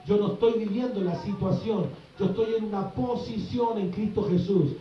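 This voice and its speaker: A man's voice: sits high, fairly even intonation, normal speed, warm tone, a little hiss or hum. A man preaching a sermon as pastor, fervent and questioning his congregation. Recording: echoey hall, voice from far off.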